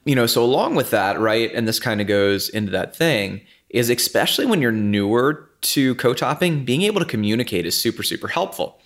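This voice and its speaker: A man co-hosting a podcast, talking in a relaxed, rambling way with lots of fillers. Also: medium pitch, fairly quick, few pauses. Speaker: podcast co-host. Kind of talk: casual podcast chat.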